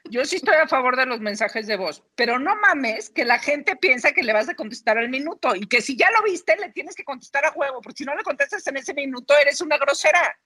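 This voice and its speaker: A woman's voice: high voice, animated, fairly quick, few pauses, sharp tone. A Mexican woman co-hosting a podcast, complaining in slangy, casual banter with her friends. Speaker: podcast co-host. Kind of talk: casual chat.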